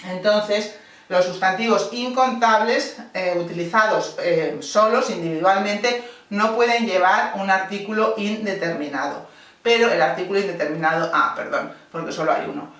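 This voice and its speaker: A woman's voice: medium pitch, moderate pace, a bit bright. A woman teaching a grammar lesson, explaining patiently step by step and correcting herself as she goes. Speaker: English teacher. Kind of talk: classroom-style grammar lesson. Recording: very echoey room, voice from a distance off the mic.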